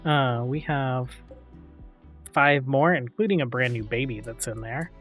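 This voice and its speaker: A man hosting a let's play, calmly thinking aloud with frequent fillers as he plays a strategy game. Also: medium pitch, unhurried, soft background music. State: hiccups. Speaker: gaming channel host.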